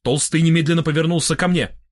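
Male audiobook narrator, fairly high voice, expressive, dry close-miked sound. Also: quick pace, no room sound. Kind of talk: first-person audiobook narration.

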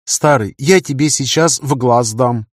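A man voicing a sleepy, teasing, sharp-tongued young woman in an audiobook. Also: mid-range voice, a little slow, no echo, studio quality, close to an everyday voice.

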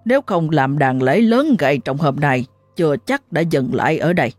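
A woman voicing a sinister male village sorcerer who speaks slowly and ominously. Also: expressive, darkish tone, no room sound, soft background music. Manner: slow, low, ominous.

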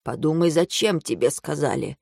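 A woman voicing a stern old male mentor who lectures and shouts in anger. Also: low voice, moderate pace, creaky, slightly rough, no room sound, clean studio sound, pitched below the performer's own voice, heavily acted.

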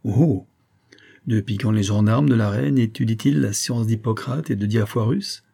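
A man's voice: on the low side, moderate pace, creaky, mellow. Man voicing a carefree, teasing young officer. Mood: playful. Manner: playful and teasing. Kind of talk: audiobook character voice.

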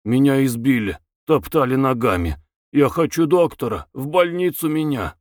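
A man voicing a frantic, beaten male prisoner who wheezes hoarsely and cries out in shrill, hiccupping bursts. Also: animated, moderate pace, no room sound, studio quality, close to an everyday voice. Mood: pleading.

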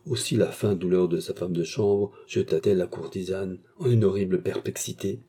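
A man narrating a classic novel in a measured storytelling manner. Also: sits low, fairly even intonation, mellow, slightly rough. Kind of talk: audiobook narration.

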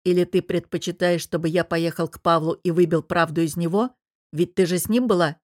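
A stern adult man, read by a woman narrator questions in a firm, icy tone and presses hard. The lines come slower and weightier than the narration. The recording is dry and close. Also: lowish voice, steady tone, a little mellow, dry recording, close to an everyday voice. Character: stern, cold-toned adult man confronting a girl.

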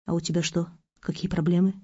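Brief: woman playing a nosy, plaintive young mother-to-be, soft dark voice, audiobook. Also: lowish voice, level tone, fast, breathy edge, dry recording, lo-fi sound. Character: young pregnant woman, simple-hearted and nosy.

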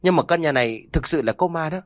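A man's voice: a little high, expressive, fast, no echo, voice pushed up, natural voice. A man voicing a scared, pleading young daughter. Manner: pleading, insistent. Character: frightened young daughter in a haunted house.

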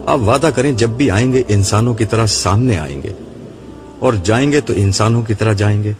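A man's voice: lowish voice, lightly acted. A man voicing a spirited, affectionate young wife who speaks in an earnest, pleading way, with music behind.

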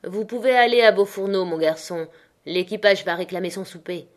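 A woman's voice: medium pitch, normal speed, lightly acted. A woman voicing a stern male sea captain in a storybook reading, giving clipped commands. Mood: commanding.

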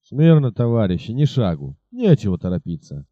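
A man voicing a fierce bearded robber chief in an audiobook, with a gruff, raised delivery. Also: fairly low pitch, very animated, moderate pace, no echo, muffled recording. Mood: commanding.

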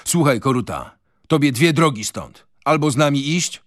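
A man's voice: a little high, animated, moderate pace, dry recording, pitched above the performer's own voice, lightly acted. Man playing defiant revolutionary, fervent, declamatory, raised voice, dry. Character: fiery young male revolutionary, defiant. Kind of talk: radio reading of a novel.

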